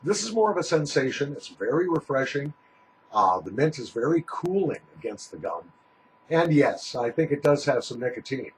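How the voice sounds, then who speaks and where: A man chats through a casual review with a very lively, swinging pitch. He talks with a small pouch tucked in his lip, in a folksy, rambling way. Steady background noise sits behind his voice. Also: moderate pace, low-quality recording. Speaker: product reviewer.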